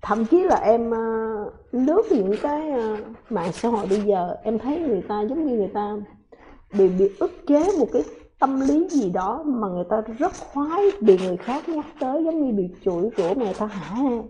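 Female talk host with a high voice who rants hotly and combatively at her audience. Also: expressive, brisk, mellow, slight background noise. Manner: combative, ranting, many repeated words. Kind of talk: heated talk to viewers.

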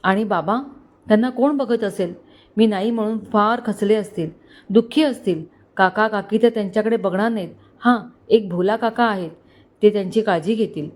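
A woman's voice: medium pitch, normal speed, close to an everyday voice. Devika, a woman reading a brooding young runaway. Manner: brooding, anxious. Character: frightened, resentful young woman on the run.

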